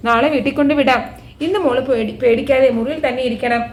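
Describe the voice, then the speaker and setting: A woman voicing a young man who calmly reassures a child, speaking fast. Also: sits high, echoey room, close to an everyday voice. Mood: reassuring.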